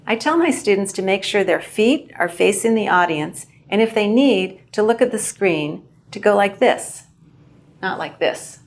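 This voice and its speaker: A woman instructor giving a clear, measured lesson on how to present well. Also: mid-range voice, lively intonation. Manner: clear, measured teaching delivery. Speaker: English language instructor. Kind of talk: instructional video narration.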